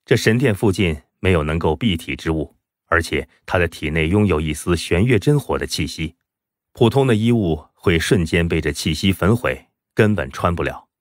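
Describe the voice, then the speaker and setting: A man's voice: low voice, no echo, studio quality. A man narrating a fantasy web novel as an audiobook reader, in a dramatic, emphatic storytelling manner.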